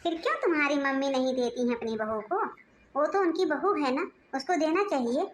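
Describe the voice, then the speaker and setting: A woman's voice: sits high, a little fast, slight background noise, natural voice. A woman voicing a short-tempered, suspicious young husband and son-in-law in a cartoon, talking in a curt, scolding way. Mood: angry.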